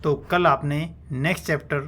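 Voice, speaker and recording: A man's voice: a little high, steady tone, moderate pace, sharp tone. A man teaching shorthand, explaining step by step and sounding out example syllables one at a time. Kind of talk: classroom-style explanation.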